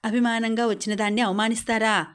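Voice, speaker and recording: A woman's voice: fairly high pitch, flat delivery, quick pace, clean tone, natural voice. Woman reading as a spiteful woman visitor.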